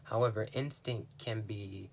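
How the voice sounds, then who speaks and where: Young man, lowish voice, musing aloud with lots of ums, faint noise behind. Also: steady tone, unhurried, vocal fry, darkish tone. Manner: rambling, thoughtful, many fillers and restarts. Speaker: podcast host. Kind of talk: casual explanatory monologue.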